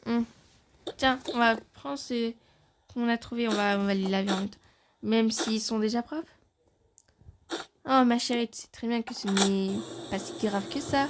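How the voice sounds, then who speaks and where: A woman's voice: a little high, normal speed, long pauses, slight background noise. A woman voicing several family characters in a home-made fan drama, shifting her voice between the parts as they banter.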